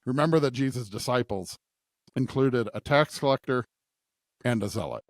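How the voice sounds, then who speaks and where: Recorded dry, a podcast host with a mid-range voice talks at normal speed through a conversational scripture discussion, thinking aloud and repeatedly checking in with "right?".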